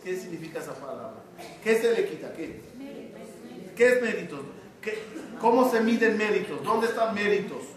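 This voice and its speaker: A crowd is audible as this rabbi, his voice sitting high with lively intonation, teaches a religious class at normal speed. The hall is large and heavily reverberant, the mic distant, and he routinely asks the audience questions before supplying the answers.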